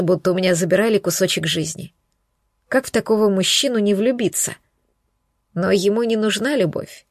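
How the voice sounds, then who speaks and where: A woman's voice: medium pitch, vocal fry, dry recording, studio quality. A woman narrating a first-person romance novel in an intimate, emotional way. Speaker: audiobook narrator.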